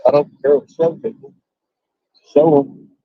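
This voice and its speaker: A man's voice: fairly high pitch, flat delivery, unhurried, slightly rough, dry recording. Rambling man on a muffled call. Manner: rambling, repeats himself. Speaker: streamer on a call. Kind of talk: casual chat. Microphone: video call.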